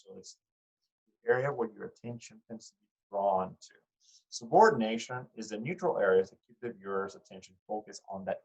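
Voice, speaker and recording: A man's voice: fairly low pitch, fairly bright tone, poor audio. A man teaching an art class, speaking conversationally to his students with fillers and restarts, often putting questions to them. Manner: addresses students directly with questions. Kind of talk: recorded class lecture.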